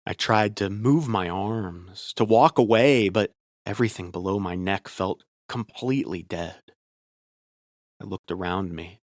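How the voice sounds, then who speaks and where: A man's voice: sits low, no room sound, studio quality. A man narrating a first-person horror story in a tense, scripted way.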